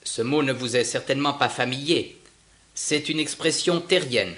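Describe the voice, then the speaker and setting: A man reading aloud and voicing a cheerful, eager spaceship captain who talks brightly. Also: mid-range voice, moderate pace, natural voice.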